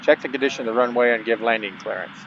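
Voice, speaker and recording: Talking very fast in a mid-range voice, the host of a gaming channel runs through a gameplay tutorial, reading instructions from the screen. His tone with viewers is casual and folksy, and the dull lo-fi mic carries faint background noise.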